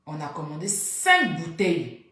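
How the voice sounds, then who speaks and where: A woman casually telling a story about a night out, acting out what others said and keeping her voice soft. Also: measured pace. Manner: animated, acts out what others said, pitch jumps up when excited; keeps voice soft, says she cannot speak loudly. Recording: very echoey room.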